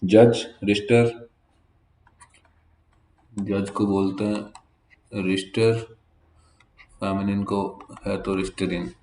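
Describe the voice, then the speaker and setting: A man teaching a German vocabulary lesson in at a whiteboard, slowly spelling out each word letter by letter. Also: lowish voice, flat delivery, mellow, echoey room, a little hiss or hum. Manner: slow, spells words letter by letter. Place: classroom with whiteboard.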